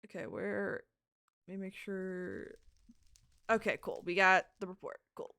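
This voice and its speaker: A woman's voice: mid-range voice, unhurried, vocal fry, bright, forceful tone, dry recording. A woman narrating and playing a game role-play in a casual, chatty way, recorded on a close mic. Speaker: role-play storyteller and player.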